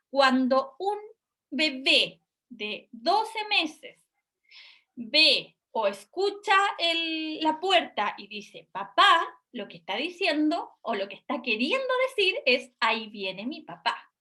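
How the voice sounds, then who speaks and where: Bright high-voiced woman lecturing. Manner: explanatory, checks in with "¿ya?". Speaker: university lecturer in speech therapy. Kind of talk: recorded online lecture.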